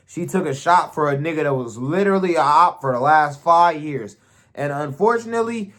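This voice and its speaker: Man, casual show recap, swears constantly, animated slangy delivery, somewhat high voice. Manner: profane, slangy, animated storytelling.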